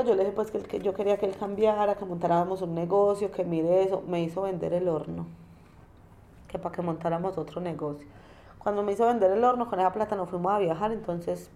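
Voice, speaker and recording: A woman's voice: mid-range voice, warm tone. A young woman telling her own life story in a plain, conversational way, often repeating herself. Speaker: interviewee. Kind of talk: personal testimony.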